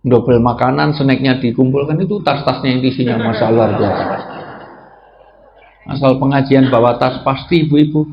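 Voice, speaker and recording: This male Islamic preacher gives a funny sermon to a live audience at a moderate pace, with background noise present. He jokes a lot and frequently leaps to high-pitched exclamations, on slightly dull lo-fi audio with faint ambience.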